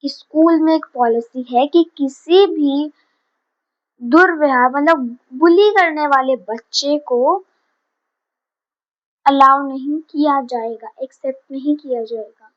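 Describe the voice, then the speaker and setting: A woman's voice: high-pitched, takes it slowly, highs cut off. A woman teacher giving a vocabulary lesson, patiently explaining each word and switching between Hindi and English.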